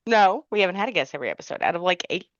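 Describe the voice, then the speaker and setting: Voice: medium pitch, expressive, racing, a bit bright, no echo. A podcast co-host in casual chat, matter-of-fact with a dry wit, on a dull lo-fi mic.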